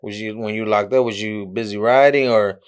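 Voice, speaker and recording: A man hosting a podcast, asking short, relaxed questions. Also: on the low side, moderate pace, smooth. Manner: short laid-back questions, frequent murmured "mm-hmm". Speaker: podcast host. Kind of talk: casual podcast interview.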